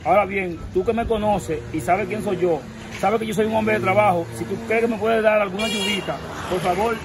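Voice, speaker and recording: Pleading and emphatic, a forties-aged man with a Dominican Spanish accent gestures while answering a street interview outdoors. His voice is high and brisk with fairly even intonation, picked up by a handheld camera held close.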